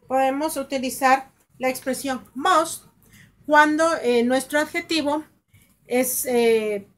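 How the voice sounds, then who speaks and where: A woman teacher explaining English grammar rules in Spanish, reading example sentences slowly and translating them, with fillers and self-corrections. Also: high-pitched. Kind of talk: recorded grammar lesson.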